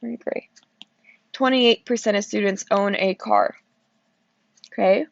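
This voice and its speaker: In a recorded classroom walkthrough, a woman math teacher sounds sleepy and yawns while taking the class step by step through probability problems, repeatedly checking in with "okay?". Her medium-pitched voice is gravelly and measured, and the recording is muffled, with no echo.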